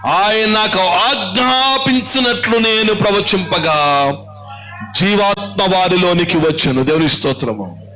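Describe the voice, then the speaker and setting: A man with a Telangana Telugu accent preaching a church sermon, asking rhetorical questions and swinging his pitch up and down. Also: expressive, a little slow, sharp tone, soft background music, low-quality recording. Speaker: pastor. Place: church hall.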